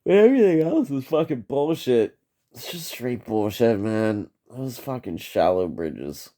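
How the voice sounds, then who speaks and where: A man's voice: mid-range voice, sing-song, unhurried, warm tone. A man giving a rambling, profane solo vlog monologue, trailing off on tangents and tagging "man" onto his sentences. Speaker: vlogger.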